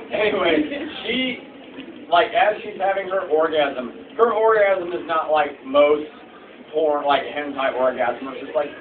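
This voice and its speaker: A man's voice: on the high side, unhurried, reverberant, heavy background noise. A man telling crude, joking stories to a room full of people, swearing and laughing often. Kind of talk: crude comedic talk to a room. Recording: distant, tinny recording with loud crowd.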